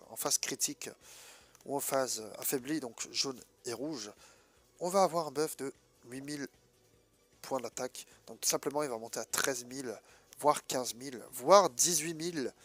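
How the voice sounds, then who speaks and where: A man with a stuffed-up, nasal voice from a head cold, giving casual, colloquial gameplay commentary and hesitating as he thinks aloud. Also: medium pitch. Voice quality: congested, nasal. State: sick with a blocked nose. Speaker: gaming video host.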